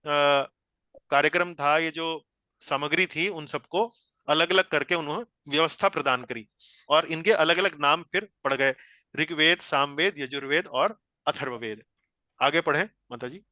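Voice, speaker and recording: A man's voice: on the high side, a little slow, bright, forceful tone, no echo. A man teaching a scripture study class over a video call, explaining each point patiently and repeating phrases as he guides a reader.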